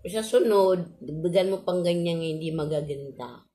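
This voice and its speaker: A middle-aged Filipino woman vlogger with missing front teeth chats casually to her viewers in a polite, halting way, often repeating herself. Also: fairly low pitch, dark tone. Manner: polite, halting, with frequent repetition.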